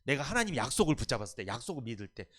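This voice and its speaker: Animated male pastor preaching. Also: mid-range voice, very fast. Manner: animated, asks the congregation questions and answers them. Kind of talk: sermon.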